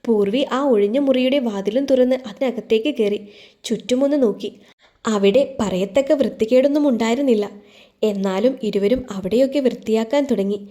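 A woman reads a romantic story aloud in steady, calm narration. Her voice sits slightly high but sounds soft and mellow. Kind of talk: scripted narration.

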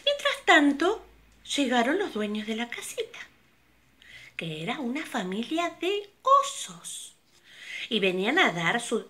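Older woman narrating a children's story, slow and animated. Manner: slow and very expressive, leaping pitch.

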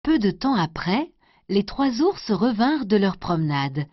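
A woman storyteller doing an expressive scripted storybook narration. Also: mid-range voice, a little slow, slight background noise. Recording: dry, dull lo-fi recording.

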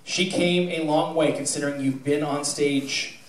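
Steady in tone and at normal speed, a middle-aged American high school theatre director gives an informal awards speech on the school theatre stage, folksy, wry, and teasing. His a-little-high voice goes through a handheld PA mic and echoes around the auditorium, captured by a far-off camera along with audience noise.

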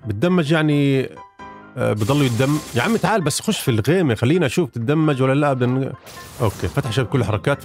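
A man giving casual, rambling gameplay commentary, chatting to his viewers as he plays. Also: mid-range voice. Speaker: gaming YouTuber.

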